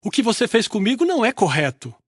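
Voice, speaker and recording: A man's voice: high voice, huge pitch swings, fast talker, breathy edge, no echo, clean studio sound, pitched above the performer's own voice, full character voice. A man voicing an indignant ancient king who pleads and protests, in a Bible audio reading. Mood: protesting.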